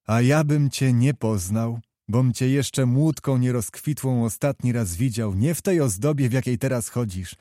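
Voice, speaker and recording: A man's voice: medium pitch, normal speed, few pauses, warm tone, dry recording, clean studio sound, close to an everyday voice. A man voicing a hearty, commanding old prince with jovial, courtly speech.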